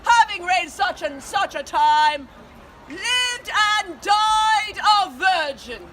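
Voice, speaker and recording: A woman playing a proud, stately queen devoted to her realm, declaiming in slow, formal oratory outdoors before a crowd. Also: very high voice, lively intonation, full character voice. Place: outdoors among a crowd near traffic. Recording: outdoor crowd and street noise.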